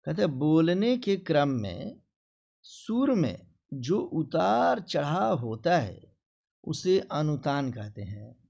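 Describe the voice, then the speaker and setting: Teaching grammar to children, a man speaks slowly in a gravelly, slightly mellow voice whose pitch rises and falls widely. His delivery is sing-song, especially when he acts out example phrases, and the recording has its highs cut off.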